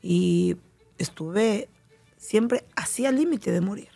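A middle-aged Mexican woman speaks as a talk-show guest, her voice slightly gravelly. She tells personal stories animatedly, slipping into the voices of the people she quotes. Faint music plays underneath. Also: medium pitch, takes it slowly, mellow, no echo. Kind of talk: casual talk show conversation.

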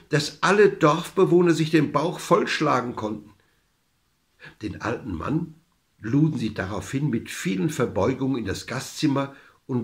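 A man reading a fairy tale aloud in an expressive, lively storytelling manner. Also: fairly high pitch.

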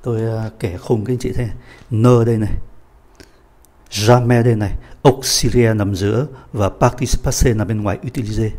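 A man who speaks Vietnamese as his first language, teaching French grammar, patiently reading the French examples slowly with a Vietnamese accent. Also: lowish voice, steady tone, dark tone. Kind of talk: explaining grammar in a lesson.

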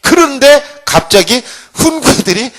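Lively, playful male history lecturer. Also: extremely high pitch, a little slow. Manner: playful, acts out quotes. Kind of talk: humorous classroom lecture. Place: lecture room.

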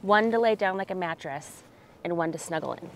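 A woman in her thirties performing a comic camping sketch outdoors with a lapel mic, chatty and dramatic, swinging from hushed asides to excited bursts. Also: fairly low pitch, a little fast, a little hiss or hum. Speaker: comedy sketch host. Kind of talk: comedic sketch monologue to camera. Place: forest campsite outdoors.

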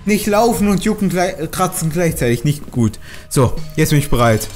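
A man's voice: fairly high pitch, animated, normal speed, a little mellow, faint music behind. A man commenting on his own play in a let's play, chatty, grumbling and swearing at enemies as he goes. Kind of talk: gaming commentary.

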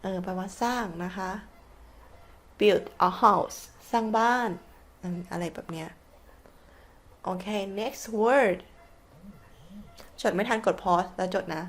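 A woman's voice: mid-range voice, takes it slowly, pauses often. A woman English teacher with a Thai accent, patiently spelling out words letter by letter and repeating each one as she explains them. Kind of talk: slow, patient classroom explanation.

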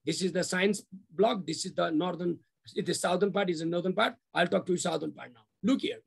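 A middle-aged man speaks with a clear Nepali accent in a high voice with a creaky edge. He presents slides over a video call, moving haltingly and repeating his phrases as he explains. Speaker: university official presenting a development plan. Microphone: video call microphone.

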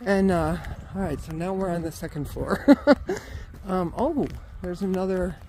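A woman's voice: fairly low pitch, fairly even intonation, a little slow, mellow, slight background noise. A woman walking an outdoor wooded trail and filming with a handheld phone, talking casually and exclaiming often, out of breath from the climb. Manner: chatty, exclaims often, laughs. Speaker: vlogger.

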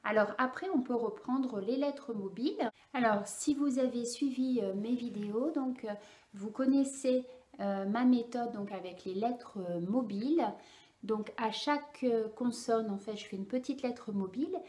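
A woman's voice: a little high, measured pace, darkish tone, reverberant. A woman speech therapist explaining and carefully demonstrating speech sounds for parents in an instructional video.

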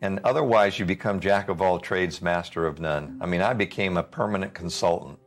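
A man's voice: sits low, a little fast. A man giving a motivational talk in an explanatory, anecdotal way. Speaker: motivational speaker. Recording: music behind the voice. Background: background music.

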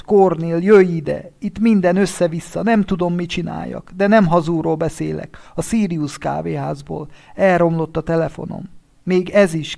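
A man voicing a grief-stricken middle-aged man in a storybook reading, speaking high and strained, his voice breaking as he pleads over the telephone. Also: vocal fry, a little mellow.

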